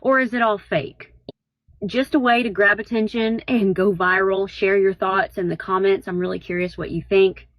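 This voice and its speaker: A woman's voice: mid-range voice, fairly even intonation, moderate pace, dry recording, highs cut off. A woman reading scripted narration for an online video, addressing the viewer.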